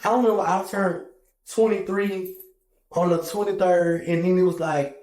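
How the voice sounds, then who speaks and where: Guy hosting, kinda high voice, jokey n animated, echoey room. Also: measured pace. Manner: playful, joking and animated. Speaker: interview host. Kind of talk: casual interview chat.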